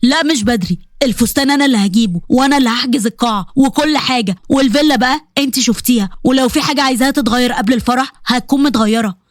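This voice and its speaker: A woman's voice: fairly high pitch, very fast, hardly any pauses, no echo, clean studio sound, pitched below the performer's own voice, lightly acted. A woman voicing a self-assured young man. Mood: determined. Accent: Egyptian Arabic. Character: confident young man, a devoted suitor.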